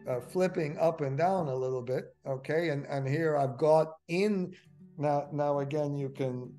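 An older man teaching a finance webinar in a fairly high voice, rambling through fillers and restarts. He corrects himself often and gets worked up over small points. Faint music plays behind him. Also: unhurried. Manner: rambling, many fillers and self-corrections, excitable. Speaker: finance instructor. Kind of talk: webinar lecture.

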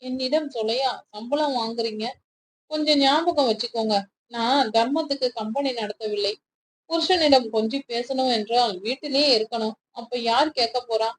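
A woman's voice: a little high, normal speed, slight background noise, natural voice, low-quality recording. A woman voicing a stern young male boss. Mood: scolding. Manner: harsh, scolding.

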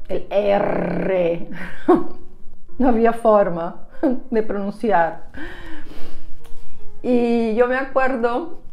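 A woman's voice: mid-range voice, extremely slow, vocal fry, pauses often, a little mellow, faint music behind. A woman in her forties from São Paulo with a Brazilian Portuguese accent, a native Portuguese speaker, telling stories as an English teacher in a chatty way, often laughing and ending sentences with "¿no?". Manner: chatty, laughing, frequent "¿no?" tags. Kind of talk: casual storytelling lesson.

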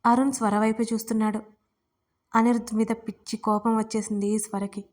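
A woman narrating her own romance serial as a storyteller, in a steady, expressive reading. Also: a little high, fairly quick. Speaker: storyteller and writer. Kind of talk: scripted romance audiobook narration.

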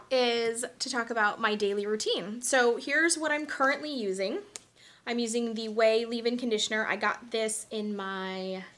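A woman's voice: on the high side, sharp tone, slight background noise. A young woman chatting casually through her daily beauty products, frank and talkative with lots of ums and side remarks. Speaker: beauty vlogger. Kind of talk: casual product review chat.

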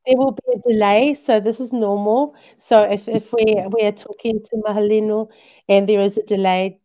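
A woman's voice: mid-range voice, fairly even intonation, normal speed. A woman, hosting a casual live talk show from a small room. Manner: hesitant, informal phrasing with Samoan greetings. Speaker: live stream host. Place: small room indoors at home. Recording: dull lo-fi video call audio.

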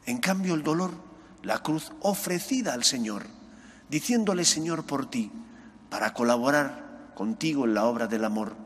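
A middle-aged male priest reading the gospel and preaching a homily at an ambo, earnest, his voice rising on questions and dropping soft on key words. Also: mid-range voice, expressive, normal speed, slightly rough. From Spain. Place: chapel sanctuary, at an ambo. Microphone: gooseneck mic on ambo. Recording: long church reverb.

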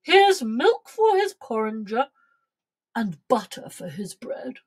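A woman's voice: on the high side, sing-song, exaggerated voice. A woman voicing a sleepy, kindly but reluctant cow in a children's verse story. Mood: apologetic, soothing. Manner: drowsy, drawn-out delivery.

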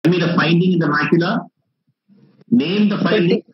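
Husky South Indian man hosting a quiz. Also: sits high, moderate pace, highs cut off. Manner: encouraging, repeats questions and phrases. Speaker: quizmaster. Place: video call. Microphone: computer mic on a video call.

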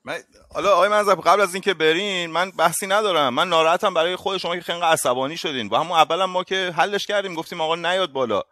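A man hosting an online voice room, speaking in a measured, apologetic, placating way. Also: high-pitched, pushed and bright, no echo, clean studio sound. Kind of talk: calm conciliatory talk.

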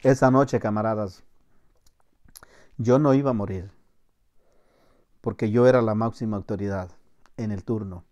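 A middle-aged Salvadoran man, a former soldier, telling a story to camera with acted-out shouted commands. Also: lowish voice, measured pace, pauses often, muffled recording. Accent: Salvadoran Spanish. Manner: acts out shouted commands, laughs, voseo slang.

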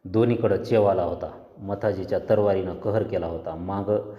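A man's voice: low-pitched, normal speed. A man narrating an audiobook story in a dramatic storytelling manner, recorded with a roomy, dull hall reverb.

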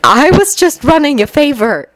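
A woman's voice: high-pitched, big pitch swings, moderate pace, voice pushed up. A woman voicing a practical, level-headed teenage girl who talks plainly. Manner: plain, matter-of-fact.

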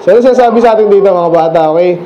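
A man preaching a sermon as pastor, asking the congregation questions and reading scripture slowly before explaining it casually. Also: high voice, warm tone, lo-fi sound, a little hiss or hum. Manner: reads scripture slowly, then talks fast and casually.

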